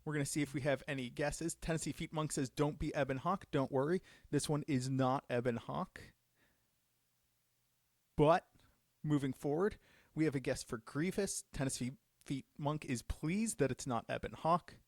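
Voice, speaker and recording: A man's voice: a little high, moderate pace, no echo, clean studio sound. A man hosting a live stream Q&A, casually revealing cards with enthusiasm. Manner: enthusiastic, upbeat card reveals. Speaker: judge program host.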